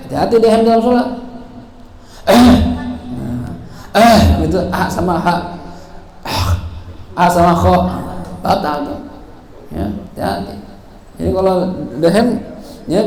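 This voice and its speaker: Male religious teacher, high voice, playful sermon style, recorded in an echoey prayer hall with faint room noise. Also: gravelly, a little mellow. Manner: playful, acts out examples, laughs often.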